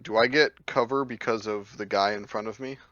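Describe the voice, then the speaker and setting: Bright-voiced man explaining game rules. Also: on the low side, fairly even intonation, normal speed, no room sound, lo-fi sound. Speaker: tabletop game player. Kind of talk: casual tabletop game chat.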